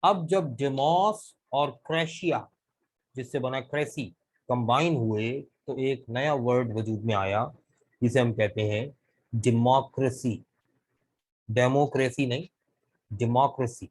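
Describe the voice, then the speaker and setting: A man teaching English vocabulary in a live online class, explaining deliberately and mixing English words into his Hindustani. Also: mid-range voice, low-quality recording. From Pakistan. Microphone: video call.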